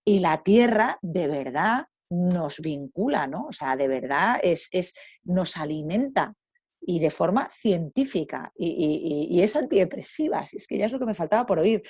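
A woman talking in an interview, a lively storyteller who acts out the voices of others. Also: lowish voice, moderate pace, breathy edge, dry recording, studio quality. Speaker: guest. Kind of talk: conversational interview.

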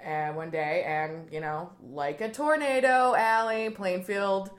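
A young adult woman comedian in a casual interview. She tells stories in an animated way, laughs often and swears now and then. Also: mid-range voice, takes it slowly. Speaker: comedian, guest.

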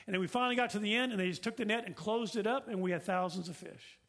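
A man's voice: high voice, fast talker, creaky, fairly bright tone. A middle-aged man preaching a sermon as pastor, earnest and repetitive, with rhetorical questions.

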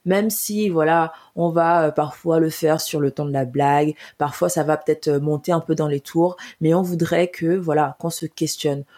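A woman in her twenties from Cameroon, co-hosting a podcast in a chatty, halting way with many fillers. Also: sits low, a little mellow. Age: 20s. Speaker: podcast co-host. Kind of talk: casual podcast chat.

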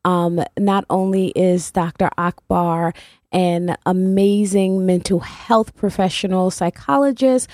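A woman's voice: fairly low pitch, fairly even intonation, slow pace, darkish tone, no echo, studio quality. A woman hosting a community radio morning talk show, chatty and loose, with many fillers and restarts. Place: radio studio.

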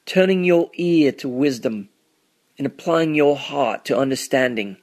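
A man voicing a cheeky, posh Englishman who reads proverbs in a stately way and slips in droll asides, with a put-on English accent. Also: on the high side.

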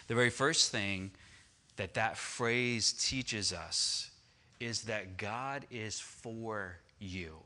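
A pastor delivering a sermon in a bright, ringing voice. He speaks slowly and deliberately, repeating key phrases for emphasis and climbing into fervent, rising lists. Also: lowish voice.

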